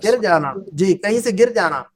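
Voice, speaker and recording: A woman's voice: mid-range voice, expressive, a crowd in the background. A woman whose first language is Urdu, teaching an Arabic grammar lesson, patiently repeating verb forms and asking the class questions. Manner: asks the class questions and invites answers.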